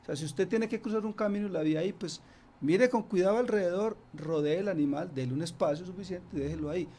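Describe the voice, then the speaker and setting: In a radio studio, a snake expert from Antioquia, Colombia, explains things casually as an interview guest, restarting often and using plenty of fillers. His voice is high-pitched, fast, and dark, with a little hiss or hum.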